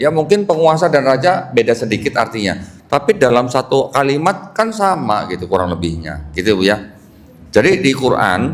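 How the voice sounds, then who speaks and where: Man teaching an audience, coaxing answers. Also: medium pitch. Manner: quizzes the audience, repeating "ya, Bu, ya". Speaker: convert preacher answering audience questions. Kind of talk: lively question-and-answer talk. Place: hall with a live audience.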